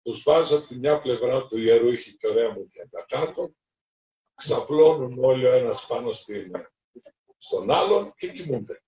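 A middle-aged Greek man, a priest, telling stories to an audience and acting out the dialogue in them. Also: mid-range voice. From Greece. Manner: lively anecdotal storytelling, acting out dialogue. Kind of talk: storytelling sermon talk. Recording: roomy, distant, dull lo-fi recording.

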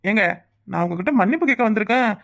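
In this cartoon voice-acting clip, a woman plays a cheeky, balding village bachelor who woos with teasing persistence, using a southern Tamil accent. Her mid-range voice is expressive and fast, with some vocal fry.

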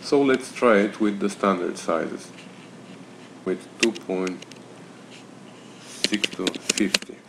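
A man narrates a workshop tutorial. He works through numbers methodically, with pauses and fillers. Faint ambient noise sits behind him in the garage. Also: sits low, vocal fry, fairly bright tone. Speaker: home mechanic explaining engine measurements.

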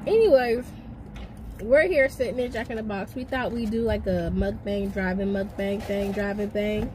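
A young woman hosting a casual vlog from her car, chatty and playful, talking loudly. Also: medium pitch, moderate pace, poor audio. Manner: chatty, loud and playful, hollering over the noise. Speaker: vlog host. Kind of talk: casual chat. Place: car with the window down. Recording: traffic noise through an open car window.

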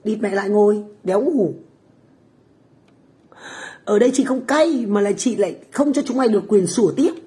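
A woman's voice: mid-range voice, expressive, normal speed, mellow. A middle-aged woman, a livestream host who chats casually with viewers in a brash, foul-mouthed, taunting way. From Vietnam. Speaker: livestream host, food stall owner. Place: home kitchen, abroad.

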